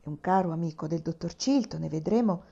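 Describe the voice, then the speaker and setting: A woman's voice: on the low side, brisk, gravelly, warm tone, breathy edge. A woman voicing a proud older aunt who speaks anxiously and then tenderly. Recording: dull lo-fi recording.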